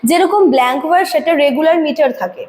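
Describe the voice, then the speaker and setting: High-voiced Bengali woman teaching in a reverberant room. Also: darkish tone. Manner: explanatory, asks "ঠিক আছে?" to check understanding; reads English definitions slowly. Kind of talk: recorded lecture. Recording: long reverb, faint noise.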